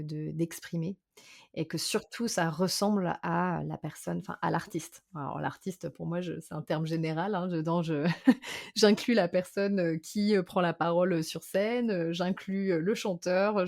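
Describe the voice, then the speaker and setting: Woman, vocal coach, fairly low voice, explanatory, hesitant fillers, interview guest. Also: vocal fry, darkish tone. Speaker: guest, vocal coach and musical theatre singer. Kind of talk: conversational interview.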